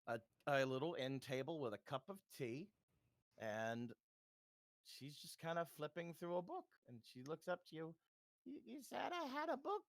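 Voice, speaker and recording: A man running a tabletop game as game master, describing scenes in a relaxed, halting way. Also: mid-range voice, no echo.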